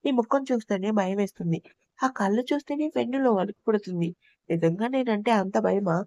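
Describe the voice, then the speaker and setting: A woman's voice: mid-range voice, brisk, a little mellow, no room sound, studio quality, close to an everyday voice. A woman voicing a frightened, tearful young wife in a storybook reading, pleading and anxious.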